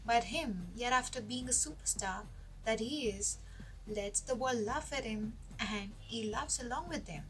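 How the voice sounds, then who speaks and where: A woman's voice: fairly high pitch, unhurried, low-quality recording. A woman giving an articulate, reflective fan testimonial. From India.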